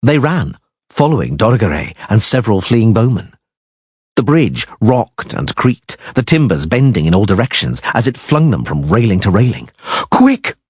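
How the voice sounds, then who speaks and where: Husky, low male narrator for dramatic fantasy audiobook; dry close voice-over. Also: sing-song, normal speed, darkish tone, no echo. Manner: emphatic, swelling on action words.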